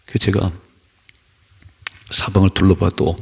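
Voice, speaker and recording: A man's voice: low-pitched, little pitch movement, a little slow, creaky, darkish tone, breathy edge. A male pastor giving an early-morning sermon in a church, preaching conversationally with rhetorical questions and personal stories.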